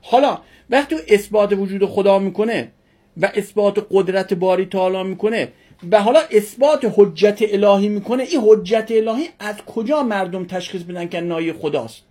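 A woman with a husky, breathy voice gives a classroom religion lecture to her students. She keeps firing questions at the class and answering them, leaning hard on repeated words. Her pitch sits in an ordinary middle range. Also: mellow. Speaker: religion teacher.

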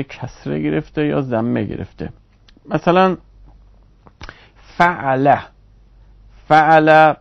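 A man giving a recorded online grammar lesson, explaining step by step at a measured pace with pauses and fillers. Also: medium pitch, creaky, dull audio. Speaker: Arabic grammar teacher.

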